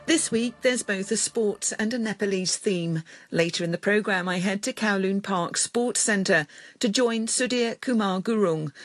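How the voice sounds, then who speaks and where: A woman's voice: mid-range voice, no room sound. Woman host reading a dry studio intro. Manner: measured, clear announcing. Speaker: radio programme host.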